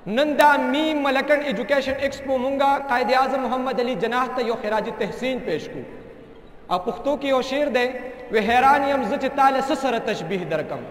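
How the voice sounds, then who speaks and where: A man's voice: very high-pitched, a bit bright. A young man from Pakistan giving an impassioned speech at an expo, reciting verse in a rhythmic oratorical style into a handheld mic. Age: young adult. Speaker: student speaker. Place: large indoor expo hall. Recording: echoey hall, faint background noise.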